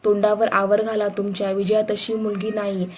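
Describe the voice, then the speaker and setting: A woman's voice: medium pitch, little pitch movement, moderate pace, a little mellow, husky, lightly acted. A woman voicing a young married man who answers his uncle with firm, restrained anger, in her plain narrating voice. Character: young husband, angry and protective, a man.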